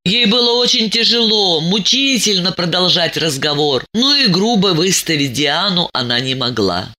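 Woman narrator, audiobook, expressive, bright voice, lively pitch. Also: moderate pace.

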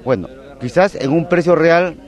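A man's voice: fairly high pitch, normal speed. A man from Peru with a Peruvian accent, critical and speaking at length in a street interview. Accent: Peruvian Spanish. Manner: critical, speaks in long complaining sentences. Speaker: person in line interviewed.

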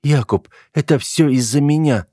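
Guy putting on a scared teary young woman, voice pushed up high, dry close sound. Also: normal speed, darkish tone, no echo, natural voice. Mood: upset. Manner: tearful, pleading delivery in a raised pitch. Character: frightened young woman, tearful and pleading.

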